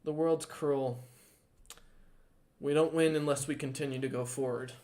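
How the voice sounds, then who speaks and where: A man's voice: medium pitch, fairly even intonation, a little slow, warm tone, natural voice. A man voicing an earnest young boy who is hopeful and grieving. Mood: solemn. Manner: earnest, pleading.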